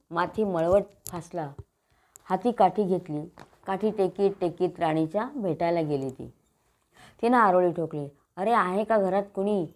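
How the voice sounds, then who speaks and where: A woman telling a devotional folk tale in a steady, measured storytelling manner. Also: lowish voice.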